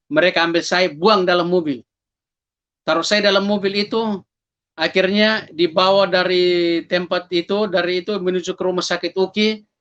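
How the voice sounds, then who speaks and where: A man's voice: high voice, a bit bright, lo-fi sound. A man giving a personal testimony, telling it dramatically and calling his listeners brothers and sisters, acting out his own cries for help in a raised voice. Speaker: testimony speaker.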